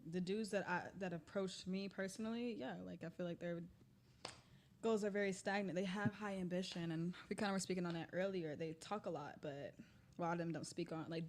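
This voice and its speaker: A woman's voice: on the low side, brisk, darkish tone. A woman in her twenties, a guest on a podcast, talking casually with frequent hesitations. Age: 20s. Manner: hesitant, many ums and likes.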